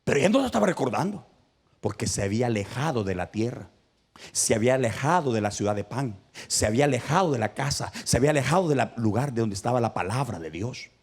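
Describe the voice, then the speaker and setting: A man preaching a passionate sermon as pastor, rising to loud high cries and dropping to near-whispers. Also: lively intonation, quick pace, breathy edge.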